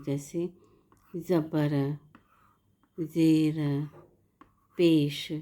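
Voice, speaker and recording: A woman's voice: on the low side, mellow. A woman teaching as a language teacher, going patiently through words one at a time and giving the meaning of each. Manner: patient, explains word by word with meanings. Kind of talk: slow spoken lesson.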